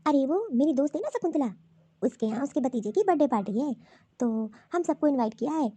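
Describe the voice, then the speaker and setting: A woman voicing a scheming, scolding middle-aged mother-in-law in a cartoon, talking in a sharp, taunting, bossy way. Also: sits high, lively intonation, a little fast. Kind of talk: cartoon voice acting.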